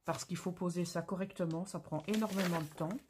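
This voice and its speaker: A woman's voice: fairly low pitch, fairly even intonation, fairly quick, noisy background. A woman hosting a craft channel, talking casually through an unboxing with gushing, exclamatory, slangy enthusiasm.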